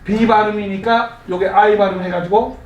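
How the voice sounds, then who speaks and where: A man with a high voice teaching English to a live class, coaching the group through repeat-after-me drills and chuckling as he goes. He sounds set back from the microphone, and his voice rings through an echoey room over a faint hum of ambient noise. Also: moderate pace, recorded from a distance, highs cut off. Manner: lively, coaxing, chuckles while explaining. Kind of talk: live classroom lecture with call-and-response drills.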